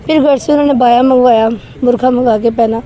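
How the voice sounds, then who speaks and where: A woman with a high, soft, mellow voice tells her own story in an interview. Her voice trembles, and she speaks in an earnest, emotional way. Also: fairly even intonation. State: trembling voice, shaken. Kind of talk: recounting a personal experience in an interview.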